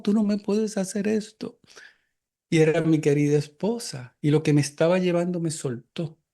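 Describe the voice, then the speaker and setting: An older man appears as an interview guest, recounting personal experiences reflectively and hesitantly, with frequent filler pauses. His voice is medium in pitch and warm.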